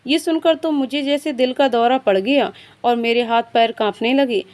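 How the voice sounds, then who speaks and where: A woman reading an emotional story aloud as its storyteller, narrating in the first person with steady, emotive delivery. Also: fairly high pitch, normal speed.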